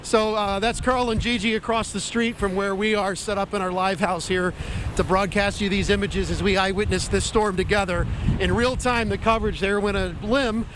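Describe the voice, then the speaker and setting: A man's voice: high-pitched, steady tone, normal speed. A man reporting live from outdoors in a storm, raising his voice over the wind in an unscripted account. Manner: raised voice over strong wind. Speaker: field reporter. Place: outdoors on a residential street in a storm. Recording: loud hurricane wind noise outdoors. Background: howling wind.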